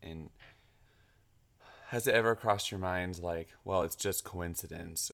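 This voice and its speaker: A man hosting a casual interview, relaxed and with frequent fillers. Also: low-pitched, a little slow, creaky. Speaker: podcast host.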